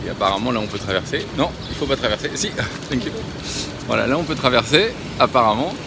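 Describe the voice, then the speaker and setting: A man's voice: medium pitch, expressive, fast talker, gravelly, noisy background. A man from France presenting a travel vlog, talking casually to the camera and addressing his viewers. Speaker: family travel vlogger.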